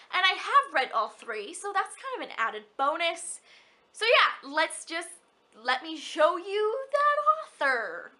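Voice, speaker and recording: Young woman, book vlogger, high pitch, bright tone, hyper, gushing, rambling. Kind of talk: casual chat.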